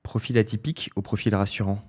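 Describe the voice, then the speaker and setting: Low, warm-voiced male podcast host. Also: fast, husky. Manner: relaxed, playful quiz asking. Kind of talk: casual podcast interview.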